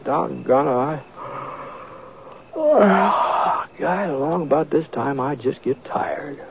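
A noisy, muffled old radio recording with clicks captures the lead actor and narrator of a 1940s-50s western playing a seasoned, easygoing lawman and tracker. His heavily acted delivery is a little high and animated, with vocal fry, yet calm and weary in mood, hesitant and folksy, drawling along with murmured asides.

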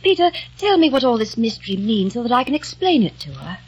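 In a 1940s-style old radio drama, an actress plays an adoring young woman, a devoted, dreamy sister, who sounds entranced as she speaks eagerly and pleadingly. Her voice is a little high, fast and a little mellow, slightly rough, with big pitch swings.

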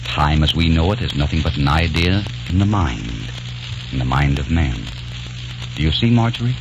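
Here the same kind of 1940s radio performance: an actor voices a past-obsessed young American man who narrates with earnest feeling. The voice rumbles low and expressive at normal speed over a noisy background, captured on a dull old radio recording.

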